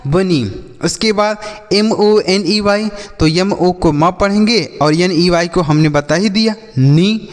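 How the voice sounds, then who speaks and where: A man's voice: sits high, big-room sound. A man teaching children to read English words, spelling each one letter by letter and asking the class what it says. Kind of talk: classroom-style phonics lesson for children.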